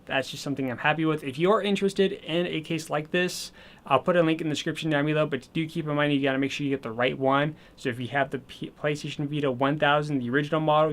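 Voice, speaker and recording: Hosting a casual haul vlog of video games on his gaming channel, a man chats and rambles with plenty of fillers. His somewhat high, bright voice is a touch hoarse, and he seems to be losing his voice.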